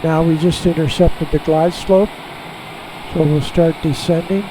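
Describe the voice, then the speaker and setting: A man flying a small jet who talks through each step in a relaxed, halting way, heard over a pilot headset in the cockpit. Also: a little high. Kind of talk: casual narration while flying. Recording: steady cockpit and engine noise.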